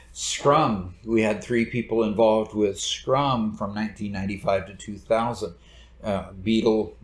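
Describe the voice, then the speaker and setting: A middle-aged man giving a recorded lecture over slides from a home study, explaining in a relaxed way at a desk camera. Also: on the low side. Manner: relaxed explanatory, gestures with hands. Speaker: instructor. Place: home study with bookshelves, indoors. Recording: roomy echo.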